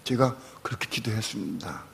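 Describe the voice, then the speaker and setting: Gravelly older Korean pastor preaching. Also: male voice, lowish voice, brisk. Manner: storytelling, swings from quiet asides to loud pleading prayer. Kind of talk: sermon with personal testimony.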